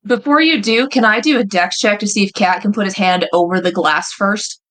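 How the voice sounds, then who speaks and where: A woman playing a tabletop game, quick and joking with the table. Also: medium pitch, a bit bright. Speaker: player. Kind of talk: casual game chat.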